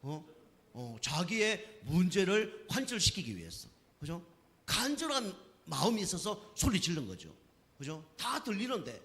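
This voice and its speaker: Pastor preaching in a reverberant church. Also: male voice, high voice, wildly swooping pitch, unhurried, sharp tone. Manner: asks the congregation questions and keeps checking with "right?". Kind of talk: sermon. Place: church sanctuary.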